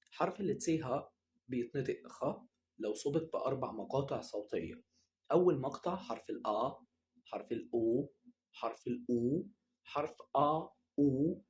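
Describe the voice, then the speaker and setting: A man's voice: medium pitch, a little mellow. Egyptian man drilling pronunciation. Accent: Egyptian Arabic. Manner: drills words slowly, repeating each one for the viewer. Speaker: German teacher. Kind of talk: pronunciation lesson.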